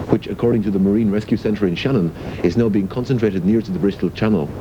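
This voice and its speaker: A man reading a radio news bulletin in a brisk, formal way, heard through a tinny, lo-fi radio. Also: on the low side. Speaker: radio newsreader. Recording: tinny old radio broadcast with clear hiss.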